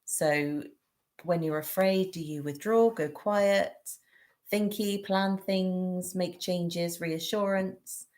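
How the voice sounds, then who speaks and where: Low-voiced woman with a Bristol accent. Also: steady tone, slow, darkish tone. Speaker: co-host. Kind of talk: casual teaching chat.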